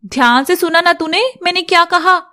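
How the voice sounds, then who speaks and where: A woman puts on a bossy, teasing teenage village girl. The voice sits high and bright, pushy and playful in a spoken storybook. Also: moderate pace. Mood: excited.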